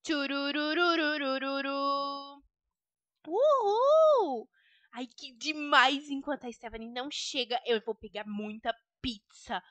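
A rebellious teenage girl whines and pleads with a Brazilian Portuguese accent, as a woman acts her out. Her voice sits high and bright, recorded dry and close, with dramatic game role-play delivery. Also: dry recording.

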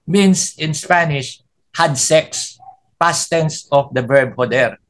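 A man's voice: a little high, takes it slowly, a bit bright. An older man, a Spanish professor, explaining words patiently in a casual chat. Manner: explains patiently and repeats points.

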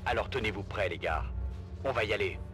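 A man's voice: fairly low pitch, fairly quick, natural voice. An actor playing an adult male clone commander barking clipped military orders, heard from game audio. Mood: commanding. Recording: game audio under loud music.

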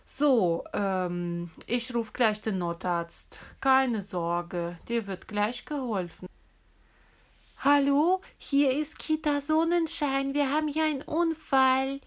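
A woman plays a gentle, chatty kindergarten teacher in a toy-figure children's story. She sounds a bit flustered and speaks slowly. The voice sits high. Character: kindly female kindergarten teacher.

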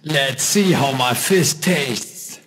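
A man voicing a huge male android combat unit in a game, his voice disguised deeper and run through a processed android filter. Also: background noise. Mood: clipped. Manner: disguised deeper voice, slow clipped orders.

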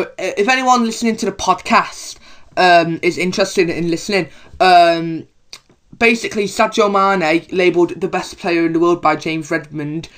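A man's voice: sits high, a bit bright. A man co-hosting a casual football podcast. He rambles, with many fillers and restarts. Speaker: podcast co-host.

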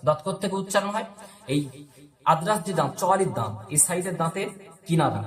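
A man teaching correct pronunciation for reciting a holy text in Bengali, stretching the sacred words very slowly as he demonstrates and then explaining quickly. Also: high-pitched, expressive, roomy sound. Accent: Bangladeshi Bengali. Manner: drawn-out slow recitation alternating with quick explanation. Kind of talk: tajweed lesson with slow demonstrations.

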